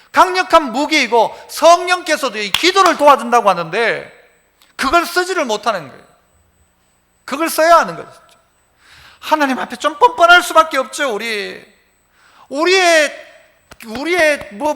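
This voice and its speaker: A man's voice: very high-pitched, pushed and bright, big-room sound. A male pastor, preaching a sermon in a church sanctuary in a conversational way, asking the congregation many questions.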